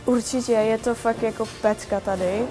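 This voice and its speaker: A woman's voice: fairly high pitch, steady tone, music in the background. A young woman explaining milking work in a casual interview inside a barn. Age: young adult.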